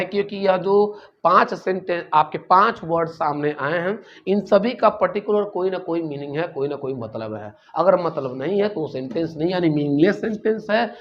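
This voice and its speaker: A man teaching a grammar lesson, explaining step by step and asking rhetorical questions as he goes. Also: on the high side. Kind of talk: classroom-style grammar lesson. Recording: dull lo-fi recording.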